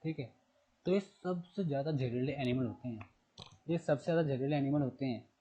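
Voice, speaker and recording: A man's voice: medium pitch, a little fast, dark tone, husky, low-quality recording. A man teaching a general knowledge lesson, asking and answering his own questions, repeating terms and spelling words letter by letter. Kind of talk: recorded classroom lesson.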